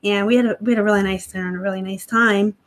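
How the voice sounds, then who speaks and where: This woman races along at a medium pitch with fairly even intonation. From home, the online reseller hosts a casual live stream on her laptop, chatting through viewer comments with some snark and plenty of laughter.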